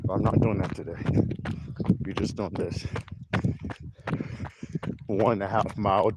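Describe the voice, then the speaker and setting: A man with a fairly low voice talks in an easygoing, rambling way as he walks and jogs down an outdoor trail. He is recorded on a handheld phone video, and clear outdoor noise from wind and footsteps sits behind him. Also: unhurried. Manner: relaxed, rambling, self-amused. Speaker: vlogger. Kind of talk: casual walking vlog. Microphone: handheld camera while walking and jogging.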